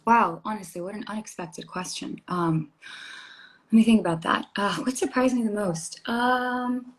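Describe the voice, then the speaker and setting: A woman, an actress, chatting earnestly on a phone livestream from a hotel room, quick to laugh. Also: mid-range voice, reverberant. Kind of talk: casual livestream chat.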